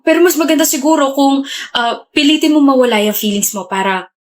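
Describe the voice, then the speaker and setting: A brash young man who teases his best friend, put on by a woman. He talks bluntly in a lowered, put-on voice in a short comedy skit. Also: fairly quick, lightly acted. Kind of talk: skit role-play.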